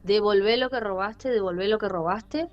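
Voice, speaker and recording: A woman voicing a dark, menacing cemetery spirit that slowly and insistently repeats its command. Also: medium pitch, muffled recording, soft background music, lightly acted.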